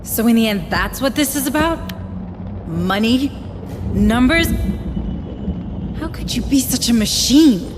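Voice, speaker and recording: A woman's voice: fairly high pitch, big pitch swings, unhurried. A woman playing an anguished, defiant idealist in a video game, indignant and emotional. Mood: outraged. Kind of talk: dramatic video game acting. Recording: long hall reverb, music behind.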